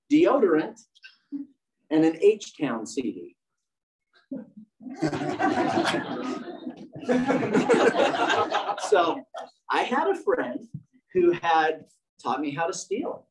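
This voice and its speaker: Candid middle-aged man telling a lively story. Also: high-pitched. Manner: candid, self-mocking storyteller. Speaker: speaker at a church meeting. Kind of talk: humorous personal story talk. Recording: distant mic.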